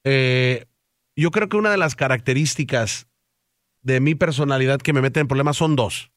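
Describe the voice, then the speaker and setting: A man's voice: medium pitch, normal speed, dry recording, studio quality. A man hosting a radio morning show, talkative, joking and full of slang. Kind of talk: lively radio banter. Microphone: studio mic.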